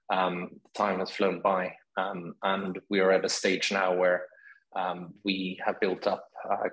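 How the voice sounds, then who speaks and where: Man, forties, from Sweden, low voice, video-call guest, relaxed, many ums. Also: poor audio. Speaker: guest, startup founder.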